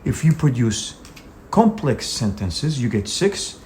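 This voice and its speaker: A man's voice: medium pitch, very animated, slow, a little mellow, slight background noise. A man teaching an English speaking exam lesson, talking in an emphatic, direct coaching manner with frequent "you know" fillers. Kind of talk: instructional video lesson.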